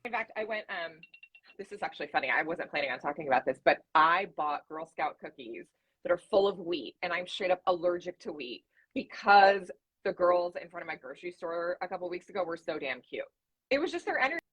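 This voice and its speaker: A woman co-hosting a casual business chat podcast, talking in a relaxed, conversational way and telling stories. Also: on the low side, brisk, breathy edge, highs cut off. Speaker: podcast co-host.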